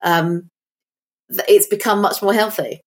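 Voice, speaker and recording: A woman's voice: mid-range voice, steady tone, measured pace. A middle-aged woman, chatting on a podcast and telling stories while thinking aloud. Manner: reflective, storytelling, thinks aloud. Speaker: podcast co-host. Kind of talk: casual chat.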